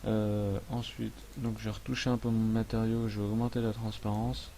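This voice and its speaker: A man hosting a casual software tutorial, thinking aloud as he works, with frequent hesitations and friendly, self-mocking asides. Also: on the low side, level tone, normal speed, a little hiss or hum. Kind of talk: casual screen-recorded tutorial.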